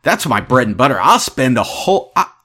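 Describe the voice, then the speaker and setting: A man in his thirties giving opinionated sports commentary as a podcast host, ranting in an animated, exasperated way. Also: medium pitch, brisk, husky. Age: 30s.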